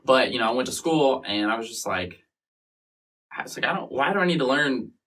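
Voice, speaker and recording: Bright-voiced man in his twenties, swearing casually. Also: mid-range voice, very animated, a little fast. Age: 20s. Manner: profane, rambling storytelling, mimics other people. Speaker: interview guest. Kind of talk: casual storytelling interview. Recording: distant mic with faint noise.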